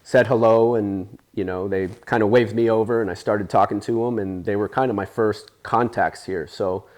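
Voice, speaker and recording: A man in his forties with a fairly low voice, raised in Spain, chats through his stories at an easy pace. He rambles a little and fills gaps with "uh" and "you know.". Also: fairly even intonation, moderate pace, darkish tone. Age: 40s. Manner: easygoing, rambling, with many fillers. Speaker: interview guest, surfer. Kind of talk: casual storytelling interview.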